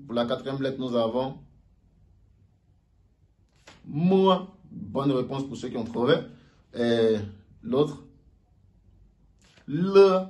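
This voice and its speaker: A man giving a casual video lesson, slowly repeating sounds for learners to copy. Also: mid-range voice, darkish tone. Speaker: language teacher.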